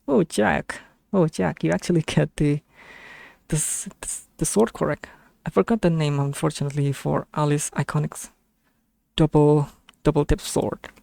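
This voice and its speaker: An Indonesian-accented streamer with a gravelly, fry-laden voice in a dry, close-sounding recording. The delivery is casual and hesitant, with frequent self-corrections while thinking aloud in reaction to a video. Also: mid-range voice, fairly even intonation, normal speed, a little mellow, no room sound.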